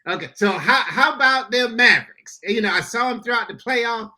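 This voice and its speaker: Male pastor-host, high bright voice, upbeat and folksy with listeners. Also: normal speed. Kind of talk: casual podcast chat. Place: Florida.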